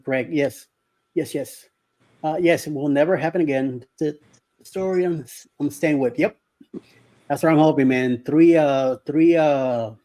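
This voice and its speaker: A man's voice: on the high side, dark tone. A middle-aged man from Miami hosting a casual live stream, rambling with lots of hesitations and greeting viewers by name. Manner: rambling, hesitant with many fillers.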